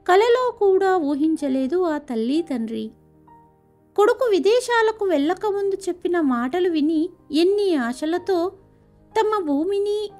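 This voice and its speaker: A woman narrating a family story in a steady, dramatic storytelling manner. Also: very high-pitched.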